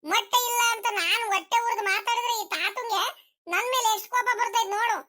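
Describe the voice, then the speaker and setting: A woman's voice: extremely high pitch, fast, sharp tone. A woman voicing a cheeky, easily hurt young grandson in a cartoon comedy, whining and complaining. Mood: sulky. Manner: whiny, sulky complaining.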